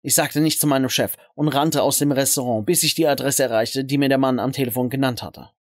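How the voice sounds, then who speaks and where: A man's voice: mid-range voice, steady tone, brisk, dry recording, clean studio sound. A man narrating a first-person story in a scripted, dramatic way.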